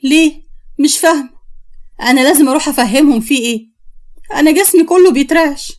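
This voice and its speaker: A young Egyptian wife in a storytelling video, pitched high, cold and threatening in one self and trembling in the other, put on by a woman narrator. Plain everyday Egyptian speech carries her lines. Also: fast, natural voice. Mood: panicky. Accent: Egyptian Arabic. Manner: cold, threatening, frightened when herself.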